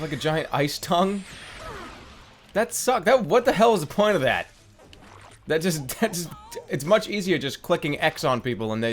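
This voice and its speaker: A man giving casual gameplay commentary in a sarcastic, incredulous, foul-mouthed way. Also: mid-range voice. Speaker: gaming video host.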